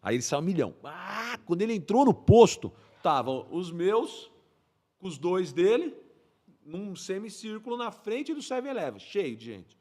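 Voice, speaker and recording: A man's voice: sits high, very animated, moderate pace, a little mellow. A middle-aged man tells a story in a casual interview. He is a vivid storyteller who mimics gunshots and acts out the voices of the people in it. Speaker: police colonel guest.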